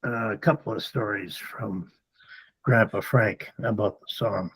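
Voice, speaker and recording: Brief: male call participant, husky voice, halting and unsure delivery. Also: lowish voice, fairly bright tone, poor audio. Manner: hesitant, halting speech. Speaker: webinar participant. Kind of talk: casual recollection. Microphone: video call.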